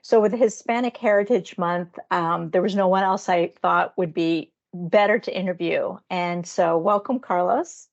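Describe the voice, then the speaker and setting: A woman's voice: on the low side, measured pace, gravelly, few pauses, highs cut off. A woman interviewing a colleague in an upbeat, encouraging way, with some hesitant fillers. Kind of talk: casual interview conversation.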